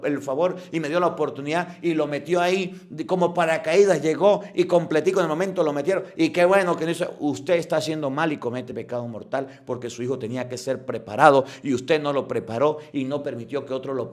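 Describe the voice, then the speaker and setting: A man, a priest giving a fiery, scolding homily with sudden loud outbursts. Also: fairly high pitch.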